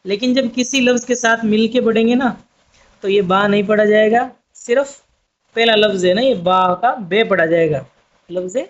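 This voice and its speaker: A man with a high voice teaches a language class, going patiently over each point and repeating it until it sticks. The sound is dull and lo-fi, like a budget home recording. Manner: patient, repetitive explaining, addresses viewers as friends. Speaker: Urdu teacher. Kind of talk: online language lesson.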